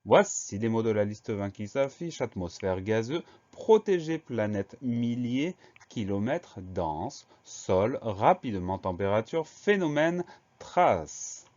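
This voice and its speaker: A man with a somewhat low voice gives a spelling lesson for children. He spells each word out letter by letter, slow and careful. The recording sounds a little dull and lo-fi. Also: sing-song, a little mellow. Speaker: teacher.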